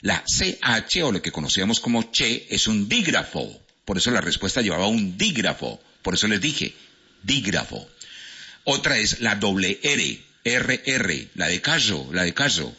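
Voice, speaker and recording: A man's voice: on the low side, sing-song, moderate pace, sharp tone, breathy edge. A man with a Cali Colombian accent hosting a live radio quiz, playful and teasing as he reads out listeners' answers. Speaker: radio host. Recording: lo-fi radio broadcast.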